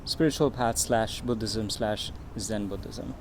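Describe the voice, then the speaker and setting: A man's voice: lowish voice, measured pace. Chatty man interviewer, noisy background. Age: 30s. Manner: casual, chatty, many "like" fillers. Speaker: podcast host. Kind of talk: casual interview.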